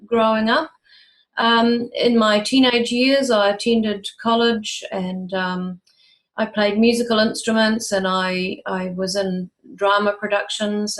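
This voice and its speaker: A woman in her sixties from New Zealand, with a New Zealand accent, giving measured and informative interview answers with frequent ums. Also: on the high side. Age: 60s. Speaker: guest, UFO researcher.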